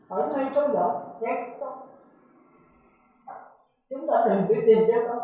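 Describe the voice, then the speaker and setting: A man, a Buddhist monk, giving a dharma talk with emphatic rhetorical questions to his listeners. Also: high-pitched. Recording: echoey, phone-like lo-fi recording.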